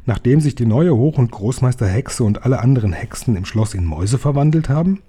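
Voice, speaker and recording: A man voicing a clever young boy who has been turned into a mouse, talking eagerly in quick questions. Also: mid-range voice, lively intonation, warm tone, slightly rough. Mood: questioning.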